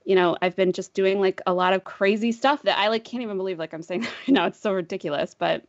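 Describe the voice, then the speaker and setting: A woman with a sibilant voice, chatting quickly and giggly as a podcast co-host who does voiceover work. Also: medium pitch, dry recording, dull audio. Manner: quick, giggly, says "like" a lot. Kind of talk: casual chat.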